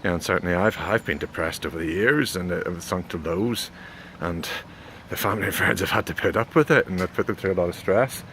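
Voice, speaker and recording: Male, forties, low pitch, hesitant conversational vlogger, recorded outside with faint background noise. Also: a bit bright. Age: 40s. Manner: hesitant, halting, with repeated words and frequent "you know". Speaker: video blogger giving a health update. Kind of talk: casual rambling spoken vlog. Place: outdoors near a road. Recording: clear background noise, outdoors with passing traffic.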